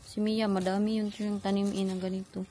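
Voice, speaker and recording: A mother vlogging casually, chatting in a relaxed, easygoing way. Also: mid-range voice, a little fast. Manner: relaxed, chatty, code-switching. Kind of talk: casual family vlog chat.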